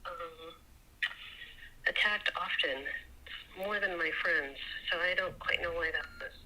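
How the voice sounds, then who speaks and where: A woman calling for tech help tells a personal story in a casual, rambling way, repeating herself for emphasis and swearing casually. Her voice is lowish, bright, and forceful, she speaks slowly, and the recording is rough.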